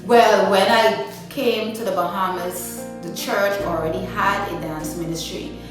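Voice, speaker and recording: A woman's voice: medium pitch, steady tone, a little slow. A woman from Guyana, answering interview questions about her dance ministry in a chatty way, with many "you know" fillers. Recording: echoey room, mic at a distance, music underneath.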